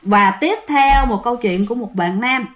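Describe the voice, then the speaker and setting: Woman, Southern Vietnamese accent, casual ghost story telling, chatty, slightly high voice. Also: moderate pace, fairly bright tone. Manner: chatty, repeats phrases, addresses listeners directly. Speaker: storyteller host.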